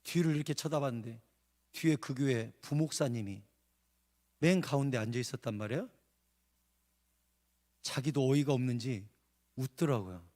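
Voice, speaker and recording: A male pastor preaching at an evening revival service. He tells a story that swings from hushed narration to shouted outbursts. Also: mid-range voice, moderate pace, pauses often. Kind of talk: revival sermon. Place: church sanctuary.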